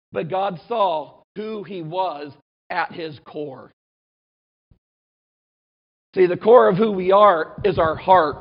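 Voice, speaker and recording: A male pastor giving a sermon and reading scripture aloud, earnest and measured, slowing down to stress key points. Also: sits high, dull audio.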